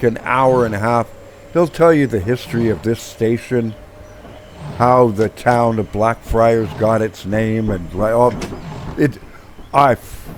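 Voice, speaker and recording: The host of his own gaming channel chats casually over gameplay in a hoarse, fairly low voice, saying he's losing it. He rambles with many fillers and restarts, and there's slight background noise.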